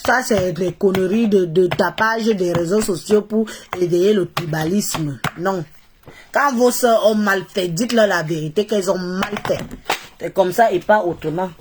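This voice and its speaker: Against a noisy background, a congested Cameroonian woman speaks with a medium-pitched voice at a moderate pace on her live stream. Her Cameroonian accent carries mocking, opinionated remarks, with phrases repeated for emphasis.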